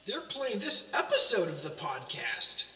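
Man as an excitable, piercingly bright young investigator. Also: sits high, a little slow, heavily acted. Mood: inquisitive. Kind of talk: audio drama acting. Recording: echoey hall, distant mic, music behind.

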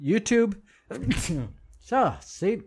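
A man's voice: high voice, big pitch swings, very slow, creaky, a little mellow, breathy edge. A man teaching a class, reading from a book and commenting on it in an emphatic way, repeating phrases for stress and speaking straight to his listeners. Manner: addresses listeners directly. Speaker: religious teacher.

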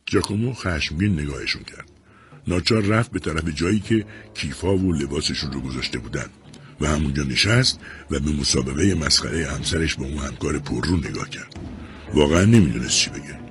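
A man narrating a novel as an audiobook, expressive and acting out each character. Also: rumbling low. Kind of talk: scripted storytelling narration.

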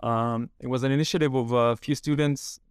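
A young man telling his story as a podcast guest in a measured way, with frequent pauses. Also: medium pitch, steady tone, smooth, dry recording, clean studio sound. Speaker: guest, army reservist. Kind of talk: interview answers.

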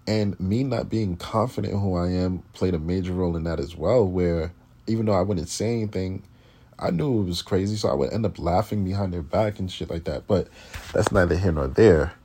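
A man's voice: low voice, fairly quick, husky. A man, a classical pianist telling his story in a blunt, profane, casual way. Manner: blunt and profane, with animated impressions of others.

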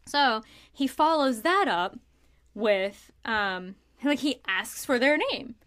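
Young woman podcast co-host, slightly high voice, chatty and animated storyteller, filler-heavy. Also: takes it slowly, clean tone. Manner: animated, filler-heavy retelling of a ghost hunt. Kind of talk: casual chat storytelling.

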